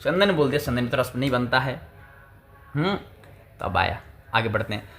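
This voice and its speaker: Bright-voiced man teaching, asking himself questions. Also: fairly high pitch. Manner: asks and answers his own questions; recites Sanskrit text slowly. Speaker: Sanskrit teacher. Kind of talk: textbook lecture.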